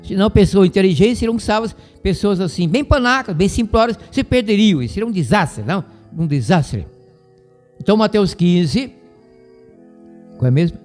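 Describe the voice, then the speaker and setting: A man's voice: sits high, expressive, moderate pace, a little mellow. A man with a Brazilian Portuguese accent teaching a radio Bible lesson in a didactic, digressive way, often repeating himself. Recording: radio broadcast with hall reverb and faint music.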